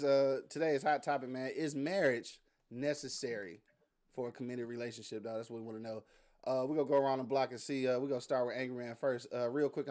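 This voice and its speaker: A man's voice: mid-range voice, darkish tone. A man hosting a live radio podcast, laid-back and joking with his co-hosts. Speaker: podcast host. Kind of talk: casual live radio show chat. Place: studio.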